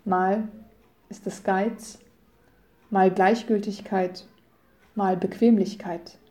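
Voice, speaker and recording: Middle-aged woman preacher, deep mellow warmth, calm measured sermon delivery. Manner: calm, measured reading with solemn scripture quotes. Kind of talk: scripted radio devotion.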